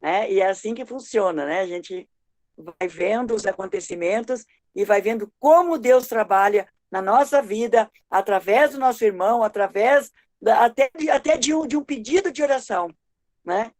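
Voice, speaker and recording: A woman pastor reflecting in a devotional group discussion. She talks slowly and often repeats her words. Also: mid-range voice, lively intonation, darkish tone.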